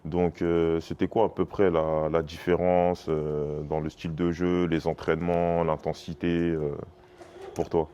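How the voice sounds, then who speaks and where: A man's voice: deep voice, level tone, a little slow, mellow, dull audio. A man interviewing a player casually, with long, rambling questions. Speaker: interviewer and scout.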